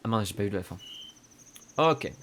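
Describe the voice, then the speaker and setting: A man's voice: fairly low pitch, expressive, normal speed, music in the background. A man casually commentating a video game for his viewers, hesitant and full of fillers. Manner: hesitant, many fillers, addresses viewers as "les gars". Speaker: gaming YouTuber. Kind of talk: casual let's play commentary.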